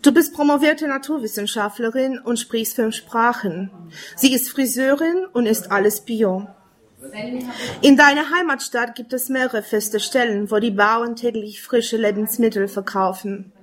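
Woman w/ doing spoken word poetry, kinda high voice, slow and earnest. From Romania. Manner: measured, earnest, second-person address.

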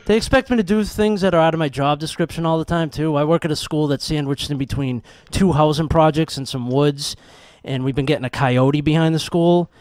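A man doing a stand-up set, telling exasperated, profane stories with animated outbursts. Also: on the high side, a little fast, hardly any pauses, dry recording, clean studio sound. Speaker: stand-up comedian.

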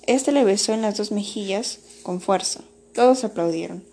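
Audiobook narrator: a woman with a mid-range voice and a calm, measured storytelling delivery. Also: mid-range voice, breathy edge.

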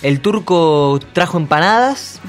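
A man with an Argentine accent, a radio host telling anecdotes in an animated casual chat in the studio. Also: fairly high pitch, unhurried. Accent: Argentine Spanish. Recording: radio studio with faint music.

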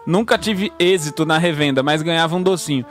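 A man with a high-pitched voice reads listener stories in a casual chat. He acts out the quoted lines as he goes. Faint music runs under him. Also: fairly quick. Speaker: podcast host reading listener stories.

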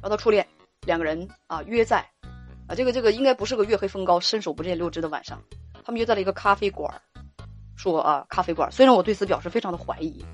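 A hoarse woman telling caller stories in a lively, mocking way, quoting them as she goes. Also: fast, faint music behind. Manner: animated, mocking, quotes callers in a lowered voice. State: hoarse from a sore throat. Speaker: radio-style advice host. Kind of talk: casual storytelling monologue.

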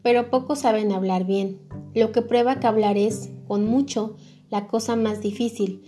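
A woman playing a smug middle-aged miller from a storybook who lectures everyone. His voice stays fairly high and even. Soft music hums behind the reading. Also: normal speed, natural voice. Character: self-satisfied preachy middle-aged miller man.

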